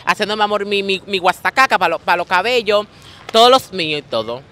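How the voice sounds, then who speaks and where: A woman's voice: medium pitch, lively intonation, fairly quick, bright, forceful tone. A woman with a Dominican accent, talking flamboyantly in a casual street interview and calling everyone "mi amor".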